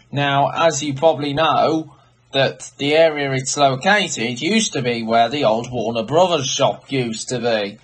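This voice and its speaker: A man giving an informal video tour as an enthusiastic hobbyist, explaining details as he goes. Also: mid-range voice. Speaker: vlogger giving a tour of lifts. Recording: background noise, varying distance from mic.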